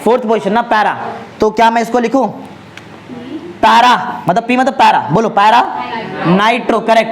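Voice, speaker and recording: A male chemistry tutor lecturing a class, drilling students with constant check-in questions and slowly repeating key names for emphasis. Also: extremely high pitch, fairly bright tone.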